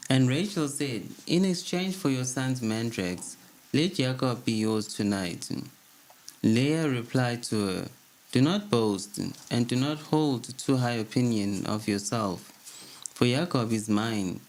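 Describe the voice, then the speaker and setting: A man reading an old religious text aloud at a steady, measured pace as a co-host. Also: medium pitch, low-quality recording.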